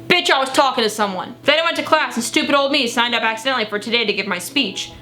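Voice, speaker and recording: A woman's voice: on the high side, fast talker, bright, forceful tone, slight background noise. A young woman reading old teenage diary entries aloud in a dramatic, gushing way, breaking off for casual, sweary asides. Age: young adult. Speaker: vlogger.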